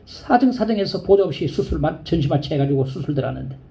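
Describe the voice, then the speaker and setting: A male pastor preaching a sermon, telling a story in a low voice and rising to high, pleading cries. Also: animated, fast, creaky, mellow.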